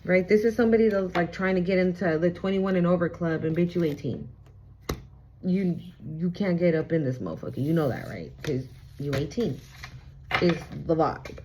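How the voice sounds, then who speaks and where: A woman's voice: on the low side, moderate pace, dark tone, a little hiss or hum. A woman giving a casual tarot reading, chatty, blunt and sassy, with frequent swearing. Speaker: tarot reader. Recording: slightly muffled lo-fi recording.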